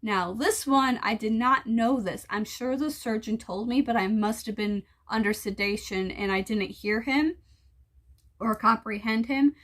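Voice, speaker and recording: A woman's voice: a little high, a little slow, a bit bright. A woman talking casually to viewers in a personal vlog, explaining things in a conversational, mildly exasperated way. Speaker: vlogger.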